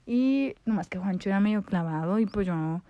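A woman's voice: mid-range voice, lively intonation, normal speed, no echo, highs cut off. A young woman with a Mexican accent, telling a casual, slangy story about her school days and swearing freely. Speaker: vlogger.

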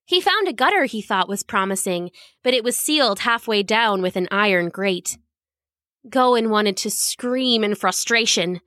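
A woman narrating a children's storybook in an expressive, lively reading. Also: mid-range voice, measured pace, no room sound, studio quality.

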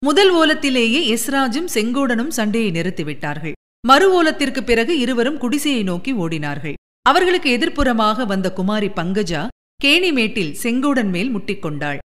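A woman's voice: a little high, big pitch swings, normal speed, fairly bright tone, big-room sound. A woman narrating a story as an audiobook, reading with dramatic expression.

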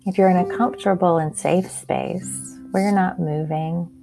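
A woman hosting a podcast leads a calm grounding exercise in a gentle, unhurried, instructional manner. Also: on the low side, gravelly, soft background music. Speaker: podcast host and mindfulness guide.

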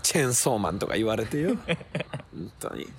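A comedian talks casually in a park at night, with a rough, loose manner. His pitch swings widely, and he jumps into loud, high impressions of other people. A faint outdoor hiss sits behind him. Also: very animated, a little fast. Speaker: comedian podcast host. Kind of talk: casual chat recorded outdoors.

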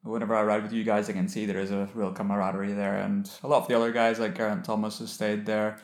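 A man's voice: on the low side, flat delivery, fast, echoey room. A man from Ireland hosting an interview, friendly and teasing, with loose casual phrasing. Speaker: podcast host.

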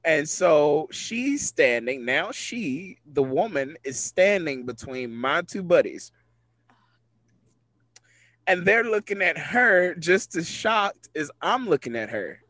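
Animated man telling a funny story. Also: a little high, slow pace, no echo. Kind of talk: casual storytelling chat.

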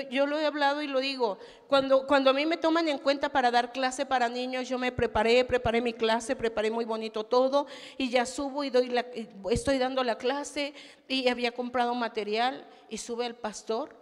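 High-voiced woman pastor preaching emphatically. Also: fairly even intonation, normal speed, big-room sound. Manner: emphatic, acts out quoted voices. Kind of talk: sermon with personal testimony.

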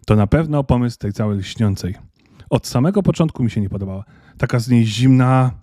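A man voicing a quick, bossy, caring young female elf in a storybook reading, with a brisk, fussing manner. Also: medium pitch, dark tone, no room sound, clean studio sound, natural voice. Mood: indignant.

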